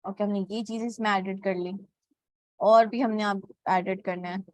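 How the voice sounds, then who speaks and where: Her voice is mid-range and darkish, with fairly even intonation and normal speed, recorded with no room sound. Teaching graphic design in a screen-recorded software tutorial, she goes step by step, blending English words into her Hindi and saying "okay" often between steps.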